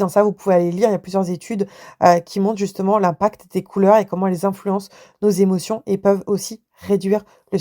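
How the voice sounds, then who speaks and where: A woman's voice: mid-range voice, dark tone. Upbeat woman, solo podcast host, chatty and informal. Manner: enthusiastic, chatty, with frequent fillers and restarts. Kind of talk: casual solo podcast talk.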